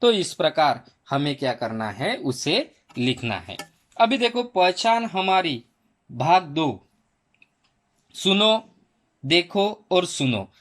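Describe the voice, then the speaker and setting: A man with a fairly high voice teaches young children, moving at a very slow, deliberate pace. He sounds out every letter and vowel one by one, patiently. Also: very animated, fairly bright tone. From India. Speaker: primary school Hindi teacher. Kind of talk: slow spelling lesson for children.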